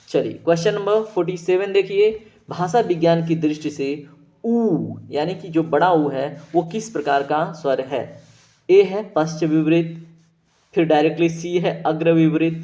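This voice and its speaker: A man's voice: on the high side, darkish tone. A man teaching an online exam-prep lesson, explaining patiently and drawing out sounds to demonstrate them, with constant "right?" check-ins. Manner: explanatory, drawn-out vowel demonstrations, frequent "है ना" and "ठीक है" check-ins. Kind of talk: online lecture. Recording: dull lo-fi audio.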